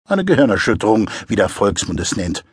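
A man's voice: fairly low pitch, sing-song, brisk, breathy edge, dry recording, clean studio sound. A man voicing a cozy, chatty old male doctor with a patronizing bedside manner in an audiobook. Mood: jovial.

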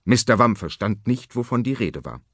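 A man narrating a children's story in a lively, expressive way. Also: medium pitch, moderate pace, no echo. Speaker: audiobook narrator. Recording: dry studio audiobook.

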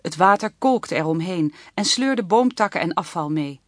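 Low-voiced woman narrating a children's book. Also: moderate pace, dry recording, studio quality. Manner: even, clear storytelling. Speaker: audiobook narrator.

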